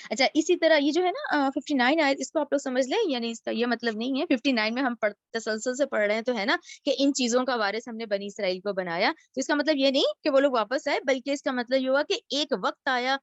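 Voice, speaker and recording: A woman teaching a Quran lesson, reciting each Arabic phrase slowly and then explaining it in casual spoken Urdu. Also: high-pitched, dry recording, dull audio. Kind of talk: word-by-word Quran translation lesson.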